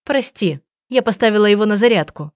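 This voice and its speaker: A woman's voice: mid-range voice, expressive, fairly quick, a little mellow, no echo, studio quality, natural voice. A woman reading an audiobook, voicing an eccentric, theatrical aunt who is a writer, in a plaintive, dramatic manner.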